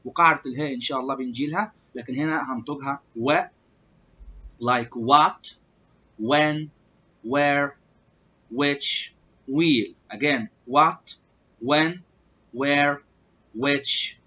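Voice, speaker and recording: A man's voice: mid-range voice, muffled recording. Egyptian man drilling English words. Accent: Egyptian Arabic. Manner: repeats example words slowly and loudly for drilling. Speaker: English teacher. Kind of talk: beginner English lesson.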